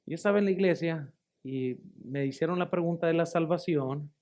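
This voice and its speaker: Emphatic pastor preaching. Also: male voice, fairly high pitch, normal speed, a little mellow. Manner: emphatic storytelling, addresses listeners as brothers; repeats and restarts phrases for emphasis. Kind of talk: sermon testimony.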